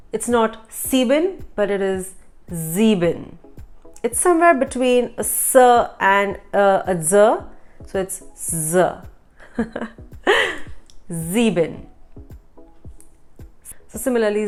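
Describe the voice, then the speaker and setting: A woman teaching German pronunciation in a slow, careful way, repeating each word for learners. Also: medium pitch, lively intonation, faint music behind. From India. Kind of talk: pronunciation lesson.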